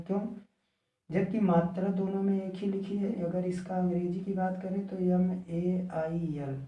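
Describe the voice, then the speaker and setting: A man teaching a grammar lesson, dictating slowly and repeating phrases so students can write them down. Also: high-pitched, lo-fi sound. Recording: echoey room, voice a bit far from mic.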